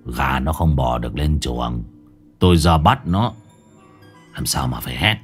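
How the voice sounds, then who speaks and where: Brief: man playing grim old husband in a ghost story, husky and low, curt and cold. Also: a little slow, faint music behind, full character voice.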